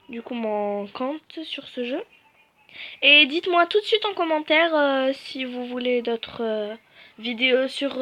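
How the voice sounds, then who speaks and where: A woman's voice: sits high, bright, forceful tone. A young woman giving chatty, self-mocking commentary while playing a video game for her channel. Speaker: gaming YouTuber. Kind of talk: casual gameplay commentary.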